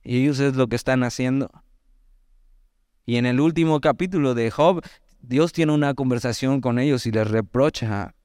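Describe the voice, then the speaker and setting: A Mexican man with a Mexican Spanish accent preaching a sermon, teaching through a Bible passage in a conversational way with lively asides and slow readings of scripture. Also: medium pitch, clear, resonant tone, no echo, studio quality. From Mexico, Veracruz. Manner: conversational, animated asides, reads scripture slowly.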